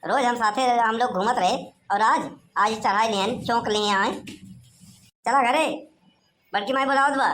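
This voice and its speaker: Woman voicing an easygoing village buddy, Awadhi accent, high voice, chatty, teasing, cartoon. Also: unhurried, fairly bright tone, slight background noise. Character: young village man, the goon's buddy, easygoing. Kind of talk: cartoon voice acting.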